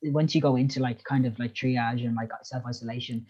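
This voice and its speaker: A man's voice: mid-range voice, fairly even intonation, fairly quick, a little mellow, breathy edge. A young man telling a personal story in casual chat, rambling with lots of fillers. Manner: rambling, filler-heavy, emotional retelling. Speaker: guest. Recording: dull lo-fi sound.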